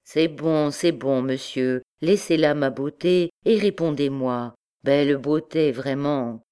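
Une jeune femme noble qui presse de questions celui qu'elle aime, avec un ton suppliant et plein de reproches, jouée par une femme. Sa voix monte plus haut que celle de la lectrice, dans un livre audio. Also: female voice, low-pitched, takes it slowly, warm tone, clean tone. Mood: reproachful. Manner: pleading, questioning. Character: young noblewoman, reproachful and anxious.

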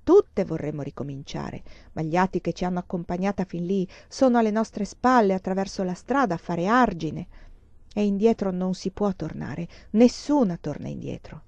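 A woman's voice: on the low side, lively intonation, normal speed, creaky, a little mellow, dry recording. A furious young woman hurls stifled, bitter accusations at a roommate she believes has lied to her, as the narrator puts her on. The voice hisses and cuts hard. The audiobook recording is dry and somewhat dull.

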